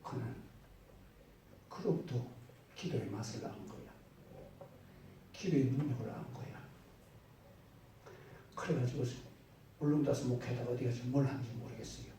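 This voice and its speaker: A male pastor tells stories from the pulpit, sometimes quiet and sometimes forceful in his emphasis. His voice is dark and mellow. It rings through a very echoey church hall, picked up from some distance away. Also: medium pitch, normal speed, pauses often, slight background noise. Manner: storytelling, swings between soft asides and loud emphatic bursts. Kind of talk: sermon. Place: church sanctuary.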